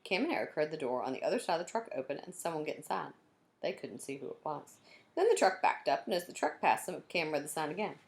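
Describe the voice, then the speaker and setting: This woman's low voice is creaky and very animated, moving fast. A teacher, she narrates a children's chapter book aloud and adds warm asides to her young audience.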